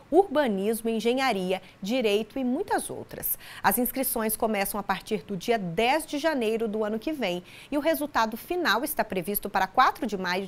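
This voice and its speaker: A young woman anchors a local news bulletin, reading her script in a bright, upbeat manner. Her voice sits fairly high, and it is picked up cleanly by a lapel mic in a studio. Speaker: news presenter. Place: studio with city backdrop.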